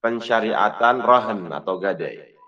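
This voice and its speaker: The recording is muffled and the microphone distant as a man with a fairly low voice teaches a little slowly. He gives an Islamic religious lesson, reading Arabic text and explaining it didactically with questions and answers.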